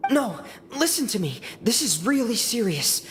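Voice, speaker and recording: An actress voicing a young woman in a video game who has just been rescued from the sea, speaking in a soft, hesitant, halting way. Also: a little high, sing-song. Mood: urgent.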